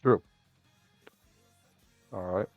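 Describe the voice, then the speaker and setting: A man's voice: drawn-out words, phone-quality sound, soft background music. A man acting as game master, explaining dice rules in a loose, rambling way. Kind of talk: running a tabletop game on stream.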